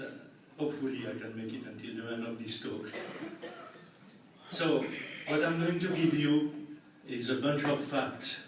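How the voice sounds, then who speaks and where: Taped at a distance in a large, echoey meeting hall, this older French-accented public health doctor mixes dry humor with plain explanations for a community audience. His voice is fairly high, with a bit of hiss or hum on the recording.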